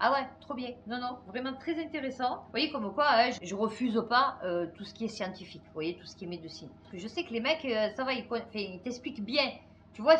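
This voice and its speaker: A middle-aged woman hosting her channel, chatting to viewers in a fast, excitable way with many fillers. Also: on the high side, slight background noise. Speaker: channel host. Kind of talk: casual chat to viewers.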